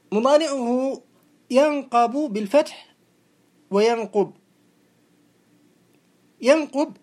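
A woman's voice: a little high, a little mellow. Methodical woman teaching classical grammar. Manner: methodical, repeating each verb form slowly. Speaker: teacher of Arabic morphology. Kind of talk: explaining a classical grammar text.

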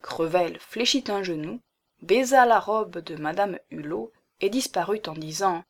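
A woman giving a measured, expressive reading of a classic novel as an audiobook narrator. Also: on the low side. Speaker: audiobook reader.

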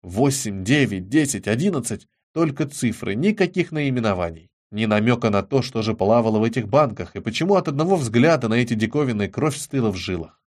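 A man narrating an audiobook in an expressive, measured reading. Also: mid-range voice.

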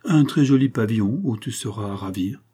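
A sly, scheming male accomplice who mocks and jokes with easy confidence, as a man reads him in an audiobook. The voice is warm and low in brightness, with a husky grain. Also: a little fast. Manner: mocking, easygoing. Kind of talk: audiobook character reading.

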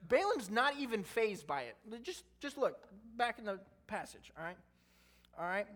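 A man's voice: sits high, very animated, normal speed, a bit bright. Male pastor, casual sermon, conversational and humorous between scripture readings. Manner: conversational, jokey asides while reading scripture.

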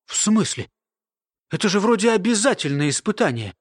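Man doing an earnest young man; lively, dry. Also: sits high, normal speed, dry recording. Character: anxious young man, Dave.

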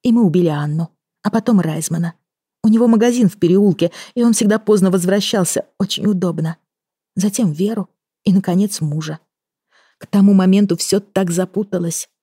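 Woman reading as a high, pleading young female killer. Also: fairly quick, warm tone, breathy edge, no echo, clean studio sound, natural voice. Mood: confessing. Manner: pleading, breathless, rising pitch. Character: desperate young woman confessing to murders. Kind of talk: audiobook reading.

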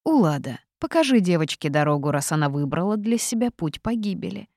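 A woman voicing a stern older witch who leads a cave people, speaking low and weary. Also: big pitch swings, a little fast, darkish tone, no room sound, studio quality. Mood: grave. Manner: weary, grave. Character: stern old cave witch, heavy-sighing leader.

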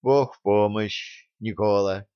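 A man voicing a gentle old monk elder who speaks slowly and softly to make peace. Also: on the low side, steady tone, clean tone, no room sound. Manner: soft, slow, soothing. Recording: dull lo-fi sound.

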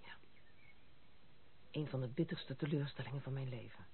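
This is an old, muffled, noisy, narrow-band radio recording of a Dutch radio play. An actress with a rumbling low voice, at a moderate pace, portrays a proud, outspoken young noblewoman who sounds bitter and confiding.

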